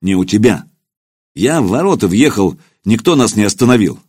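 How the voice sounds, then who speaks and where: A man's voice: fairly low pitch, sing-song, moderate pace, a little mellow, breathy edge, no echo, clean studio sound. A man voicing a stern, commanding young prince warrior in an audiobook, speaking curtly. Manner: curt, commanding.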